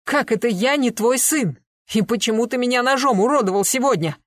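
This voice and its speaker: A reader voicing a shaken, bewildered son whose questions come out high and plaintive. the sound is close and dry. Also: male voice, animated, brisk, dry recording. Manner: plaintive, crying out. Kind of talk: audiobook dialogue.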